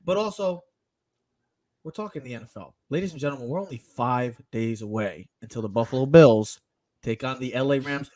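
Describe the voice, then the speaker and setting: A man hosting a sports podcast, teasing his co-hosts and running the show in an energetic, casual way. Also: mid-range voice, fairly quick, dry recording. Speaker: podcast host. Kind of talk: casual chat and sports talk.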